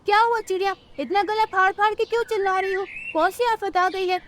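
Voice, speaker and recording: A woman's voice: very high voice, fairly even intonation, a little fast, fairly bright tone, a little hiss or hum, voice pushed up. A woman voicing a bossy, scheming mother crow in a cartoon who talks in a scolding, dismissive way.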